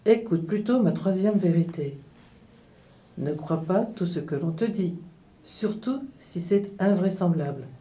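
A woman's voice: lowish voice, unhurried. A woman voicing a clever little nightingale who teases a foolish man. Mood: teasing. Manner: lively, teasing.

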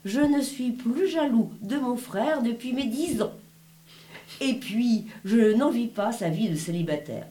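A man's voice: very high voice, expressive, a little slow, dark tone, voice pushed up. A woman reading the part of a jovial, mocking man who laughs off jealousy about his brother, in a spoken story. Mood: amused. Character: teasing, jovial man, rich man's brother. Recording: roomy echo.

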